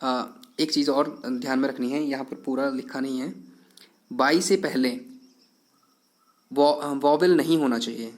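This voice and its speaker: A man teaching an online English lesson, explaining step by step in an earnest, patient way and often checking that it is clear. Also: mid-range voice, a little slow, pauses often.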